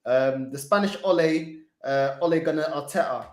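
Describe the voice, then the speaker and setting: Male call-in host, fairly high voice, teasing slangy banter, roomy echo. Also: normal speed, darkish tone. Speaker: host of a football fan call-in show. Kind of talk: casual banter and reading out chat comments.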